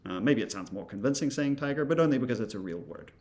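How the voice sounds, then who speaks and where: A male instructor casually walking through software, thinking aloud with many fillers and asides. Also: medium pitch, expressive, fast.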